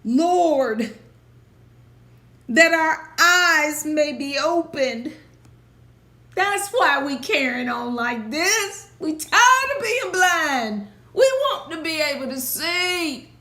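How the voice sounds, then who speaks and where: A woman preaching with fervent call-and-response energy, drawing words out for emphasis and leaping to high exclamations. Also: very animated, sharp tone. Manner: drawn-out emphatic phrasing. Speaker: preacher and health speaker. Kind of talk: preaching sermon mixed with health talk. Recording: echoey room.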